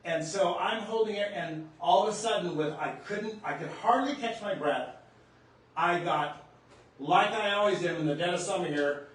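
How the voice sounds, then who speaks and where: A man earnestly recounting a personal spiritual experience to the camera, in a halting way. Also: sits high, fairly bright tone. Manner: earnest, halting, reliving the moment. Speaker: spiritual storyteller. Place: room in his home near the kitchen. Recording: echoey room, distant mic, faint background hum.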